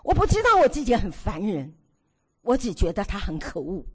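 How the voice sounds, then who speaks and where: A woman in her sixties preaching to a women's meeting, telling stories from her own marriage with animated, theatrical delivery. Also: medium pitch, moderate pace, husky. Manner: animated storytelling, acts out her own past nagging. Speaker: women's ministry speaker.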